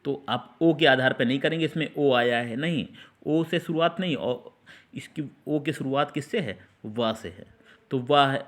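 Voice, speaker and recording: A man teaching an English grammar lesson, explaining step by step, repeating words and asking the class questions. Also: medium pitch.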